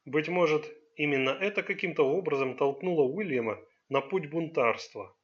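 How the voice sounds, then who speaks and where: A man narrating a crime novel in a steady, even reading. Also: fairly high pitch, normal speed, dull audio. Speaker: audiobook narrator. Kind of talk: scripted narration.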